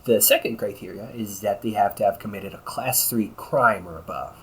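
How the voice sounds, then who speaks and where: A man with a fairly low voice, close to an everyday one, speaks at a moderate pace as a cocky, weary vampire brother, ancient but young-sounding. In this conversational one-sided roleplay he casually explains, grumbling sarcastically and often chuckling. A little hiss or hum sits in the background.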